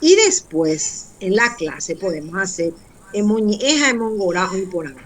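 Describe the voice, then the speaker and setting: A woman with a Paraguayan accent, teaching a language class and explaining exercises in an unhurried, methodical way. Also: mid-range voice, big pitch swings. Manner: slow, switching between two languages.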